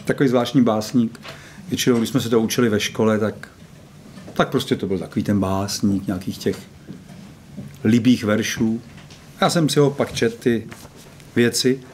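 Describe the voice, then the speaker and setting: A man's voice: lowish voice, pauses often, slight background noise. A man reciting a long poem on a theater stage in a dramatic storytelling manner. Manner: storytelling, varied dramatic delivery. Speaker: poetry reciter. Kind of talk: recited poetry with guitar. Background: loud plucked guitar.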